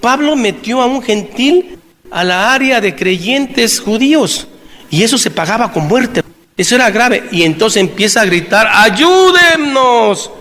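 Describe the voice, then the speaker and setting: A man from Mexico with a Mexican Spanish accent, preaching an animated Bible sermon and firing rhetorical questions at his listeners. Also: sits high, unhurried. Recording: long hall reverb.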